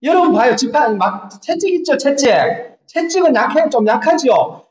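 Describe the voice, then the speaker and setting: Animated high-voiced pastor preaching. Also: male voice, normal speed. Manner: animated, asks the congregation questions. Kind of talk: sermon. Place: church sanctuary. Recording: echoey church hall, dull lo-fi sound.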